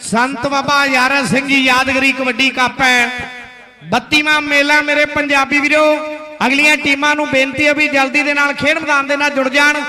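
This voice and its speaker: A man's voice: extremely high pitch, level tone, normal speed, pushed and bright. A man with a Punjabi accent giving frantic rural sports commentary and announcements, urgent, declamatory and repetitive. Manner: urgent, declamatory, repeating words. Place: outdoor village kabaddi tournament.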